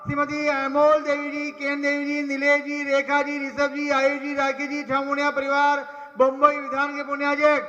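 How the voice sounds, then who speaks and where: At a temple ritual, a man with a very high-pitched, sharp voice rattles off a long list of donor names and blessings. The sound is dull and lo-fi, echoing through the temple hall.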